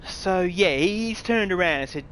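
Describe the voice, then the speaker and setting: A man's voice: high voice, lively intonation, measured pace, a bit bright, slight background noise. A grown man ranting bluntly and with frustration, swearing and mocking what others say. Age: adult. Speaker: gamer vlogger. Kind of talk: angry ranting commentary.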